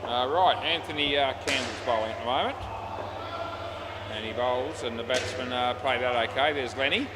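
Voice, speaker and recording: A man's voice: mid-range voice, normal speed. A man with an Australian accent giving casual, laconic, matey amateur commentary and umpire calls at indoor cricket. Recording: noisy indoor sports hall, bouncing balls.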